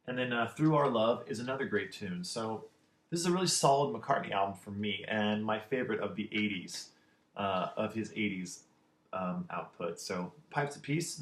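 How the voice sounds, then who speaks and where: An enthusiastic man ranks his favorite records in loose, rambling casual talk, full of ums and quick restarts. His voice sits at an ordinary middle pitch. It bounces around a noticeably roomy, echoey space. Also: a bit bright. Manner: enthusiastic, rambling with many fillers. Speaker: music vlogger. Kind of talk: casual album ranking talk. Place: indoor room with a computer. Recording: roomy echo.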